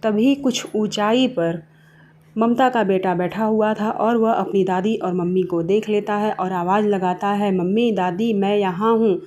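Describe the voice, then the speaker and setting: A woman's voice: medium pitch, fairly even intonation, measured pace, dark tone, muffled recording. A woman narrating a family moral story in a plain, simple storytelling way.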